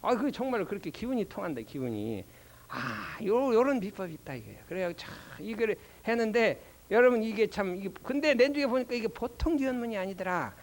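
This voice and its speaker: An older man, a Won Buddhist minister, giving a doctrine lecture with animated storytelling and rhetorical questions. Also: sits high. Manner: slow chanting recitation of prayer.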